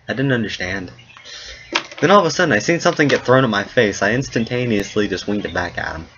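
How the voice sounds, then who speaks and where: A man's voice: expressive, fast talker. A man narrating as game master in a tabletop role-playing game, talking casually and voicing the characters. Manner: casual, laughs at his own story. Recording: dull low-fi sound with faint noise.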